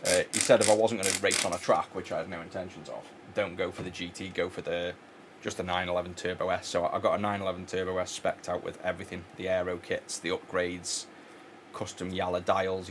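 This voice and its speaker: A man with a low voice talks loosely while he works on electronics at his bench. He rambles, restarts his sentences and fills gaps with ums. A faint noise sits under the recording. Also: little pitch movement, brisk, a bit bright. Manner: rambling, many fillers and restarts. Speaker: electronics repair channel host. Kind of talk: casual chat while working.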